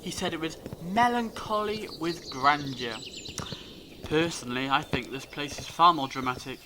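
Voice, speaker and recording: High-pitched actor as eccentric male alien time traveller, theatrical, curious, dramatic pauses, audio drama, noisy outdoor ambience. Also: natural voice. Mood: playful, intrigued. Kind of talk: fan audio drama acting.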